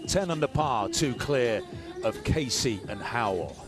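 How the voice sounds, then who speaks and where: A man's voice: mid-range voice, lively intonation, a little slow, over music. A man with a British accent doing broadcast sports commentary on golf. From Britain.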